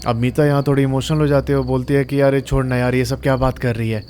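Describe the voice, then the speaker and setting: A man's voice: medium pitch, level tone, fast, a little mellow, slight background noise. A man narrating a true horror story in a casual, chatty way, talking to listeners like friends.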